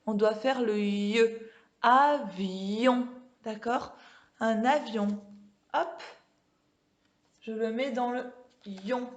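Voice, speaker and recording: Slow, clear-spoken woman teaching sounds. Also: a little high, fairly even intonation, darkish tone. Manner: slow, careful, drawn-out pronunciation of sounds; checks in with frequent questions to children. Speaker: primary school teacher. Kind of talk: home-schooling reading lesson. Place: classroom with a board.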